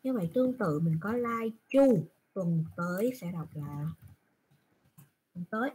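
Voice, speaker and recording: A woman teaching Japanese in an online class has a lowish, warm, husky voice, animated yet a little slow. She patiently asks questions and answers them herself, as captured by a browser screen recording.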